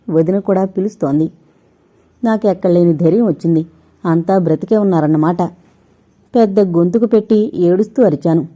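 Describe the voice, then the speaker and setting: A woman's voice: mid-range voice, mellow. A woman narrating a suspense audio novel in the first person, giving the characters' lines small voice shifts.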